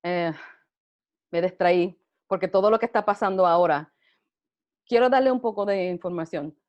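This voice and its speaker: A woman's voice: fairly low pitch, moderate pace. A middle-aged Puerto Rican woman with a Puerto Rican accent, chatting casually about her life and laughing often. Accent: Puerto Rican Spanish. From Puerto Rico. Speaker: interviewee. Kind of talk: casual personal storytelling. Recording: dull lo-fi audio.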